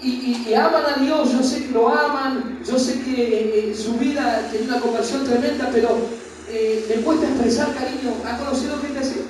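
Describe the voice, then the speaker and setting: A man's voice: very high voice, steady tone, normal speed. A man, preaching a Bible study sermon in a church hall and putting questions straight to the congregation with passion. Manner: impassioned, questions the congregation directly. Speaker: pastor. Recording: very echoey hall, voice from far off with background noise.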